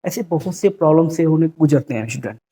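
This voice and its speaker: Guy teaching chemistry, warm mellow voice, says rules over and over, spells formulas out slow. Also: fairly high pitch, expressive. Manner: repeats key rules, slow dictation of formulas. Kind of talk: classroom lecture.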